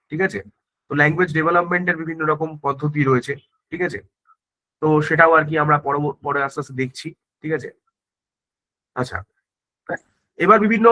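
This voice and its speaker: A man's voice: fairly high pitch, bright, forceful tone, rough recording. A male teacher giving an exam-prep grammar lesson, explaining step by step, checking in with tag questions and often restarting his words. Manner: frequent self-corrections and restarts.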